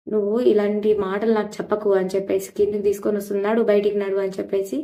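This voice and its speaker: In a warm, mid-range voice, a woman recaps an episode of a TV serial. She tells it plainly, like a simple story, and leans on a lot of filler phrases.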